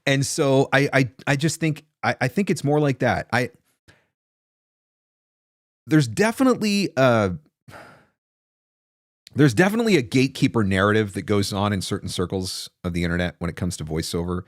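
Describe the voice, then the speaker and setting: Here a voice-over marketing coach in his forties, pitched mid-range, replies to livestream comments in an animated, casual, emphatic way. He moves at a moderate pace and pauses often, and his desk mic in a small home studio picks up no echo.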